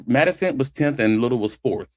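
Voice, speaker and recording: A man's voice: medium pitch, expressive, a little fast, dry recording, clean studio sound. A man hosting sports talk, giving conversational analysis and stressing his key points as he argues them. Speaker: sports talk show host.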